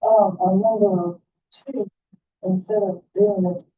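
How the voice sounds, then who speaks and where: A board meeting participant speaks slowly and haltingly at a middling pitch. The questions come out in pieces, over thin, phone-like audio. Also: fairly even intonation, dark tone. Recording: tinny narrowband video call audio.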